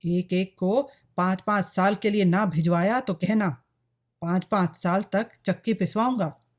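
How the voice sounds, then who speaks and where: A woman's voice: medium pitch, a little slow, close to an everyday voice. A woman voicing an angry village priest who makes threats in a storybook reading. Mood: threatening.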